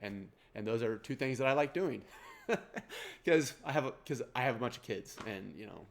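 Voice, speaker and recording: A CPA exam prep course owner in his forties, with a Kansas accent and a nasal voice, talks casually to the camera about exam prep, rambling and poking fun at himself. His medium-pitched voice is gravelly and animated, at a moderate pace.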